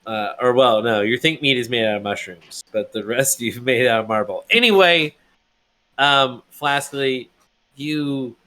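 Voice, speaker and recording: Rambling young game master, medium voice. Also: male voice, mid-range voice, sharp tone. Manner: rambling, many fillers and restarts. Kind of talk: running a tabletop game, casual chat.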